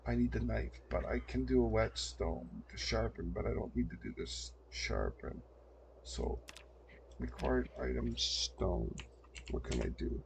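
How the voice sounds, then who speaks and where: An older man talks through a survival game in a deep, heavily gravelly voice that rises and falls a lot. He mutters to himself between actions, speaking into a desk mic with faint clicks and game sounds behind. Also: big pitch swings, a little slow, slight background noise. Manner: muttering to himself while playing. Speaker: gameplay streamer. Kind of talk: casual gameplay commentary.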